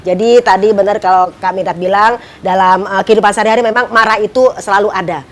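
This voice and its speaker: A middle-aged woman giving a lively religious talk as a preacher on a television show, acting out the quoted people she talks about. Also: quick pace. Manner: animated, acts out quoted wives with high teasing voices. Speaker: ustazah, religious speaker.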